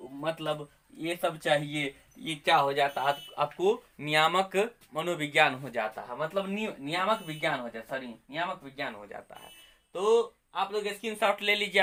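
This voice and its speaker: A man teaching an exam-prep lesson, asking questions and answering them himself, repeating key terms slowly while he writes. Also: fairly high pitch, fairly bright tone. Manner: repetitive quizzing, asks and answers himself; spells out words while writing.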